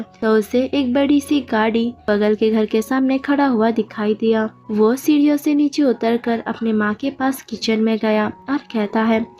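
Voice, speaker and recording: Mellow-voiced woman narrating a story. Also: a little high. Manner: steady, plain storytelling. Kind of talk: fan-fiction story narration. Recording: dull lo-fi audio with faint music.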